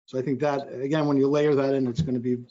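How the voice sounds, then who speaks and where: A man speaking as an investor on a panel, energetic and quick, often cutting into his own sentences. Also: medium pitch, dull audio. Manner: energetic, quick, self-interrupting. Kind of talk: panel discussion. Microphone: video call.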